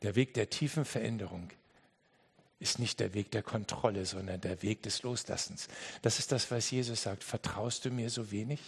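A man preaching a sermon emphatically, speaking straight to the listener and swinging between loud and hushed. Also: on the low side, moderate pace, gravelly, breathy edge.

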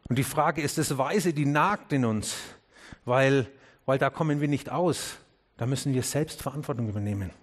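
A man preaching a sermon to his congregation, asking questions earnestly and speaking to them directly. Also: moderate pace. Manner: drops low and quiet on key words, rises when urging. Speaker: pastor.

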